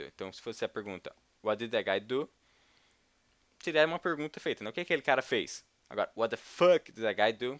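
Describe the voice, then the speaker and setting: Low-voiced Brazilian man teaching English. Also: fairly bright tone, no room sound. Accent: Brazilian Portuguese. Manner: explanatory, keeps checking in with the viewer. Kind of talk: informal language lesson.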